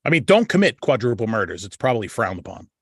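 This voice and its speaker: A man's voice: lowish voice, big pitch swings, fast, fairly bright tone, breathy edge, no room sound. Middle-aged ny guy rambling war stories, swears constantly, dead dry sound. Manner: profane, blunt and joking. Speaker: show host. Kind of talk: casual storytelling monologue.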